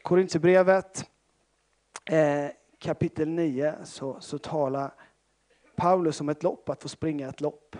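A man's voice: on the high side, steady tone, darkish tone. A Swedish man from Småland preaching a sermon as a pentecostal pastor, telling stories with self-deprecating humor and many fillers. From Sävsjö, Småland, Sweden.

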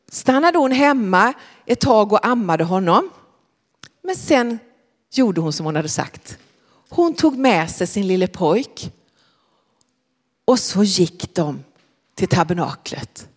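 A woman telling a Bible story to children in a large hall, often asking them questions. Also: mid-range voice. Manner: animated, questioning the listeners.

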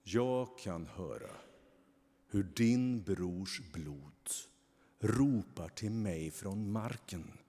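A man reading a storybook and voicing a stern male angel, slow and measured, with a long hall reverb. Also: low-pitched, lively intonation, warm tone, slightly rough, heavily acted. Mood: grave.

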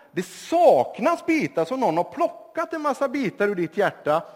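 A man voicing a boastful young man who shouts loudly and proudly to a crowd, then mocks an old man. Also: high voice, long reverb tail. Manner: loud, proud, mocking calls to the crowd. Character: boastful young man showing off his perfect heart.

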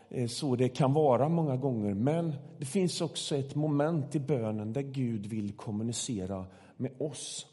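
Male preacher, calm measured sermon, mellow voice, long church reverb. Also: medium pitch.

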